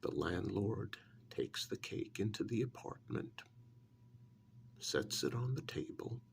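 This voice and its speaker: A man performs an ASMR role-play, telling a soft-spoken story slowly and in a hush that often drops to a whisper. His fairly low, gravelly voice is expressive, with halting, deliberate phrasing and long pauses, over a slight hiss or hum.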